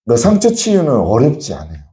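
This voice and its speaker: Male pastor, sermon; expressive swinging delivery, exhorting the congregation. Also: medium pitch, quick pace, roomy sound. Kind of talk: sermon at an evening prayer meeting. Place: church.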